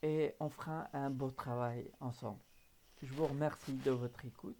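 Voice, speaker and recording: A man's voice: mid-range voice, steady tone, normal speed, mellow. A man, talking casually and earnestly to his viewers, hesitant with many fillers and restarts. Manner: earnest and emotional. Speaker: hypnotherapist vlogger. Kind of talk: casual direct-to-camera talk.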